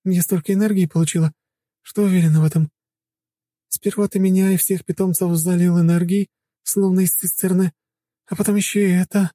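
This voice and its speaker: A dazed, worn-out woman who has just grown younger, as a male audiobook narrator puts her on, speaking in a high, strained voice. The tone stays very dark and mellow in spite of the height. The recording is close and dry. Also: steady tone, brisk, no echo. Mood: weary wonder. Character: weary woman, suddenly made younger, dazed.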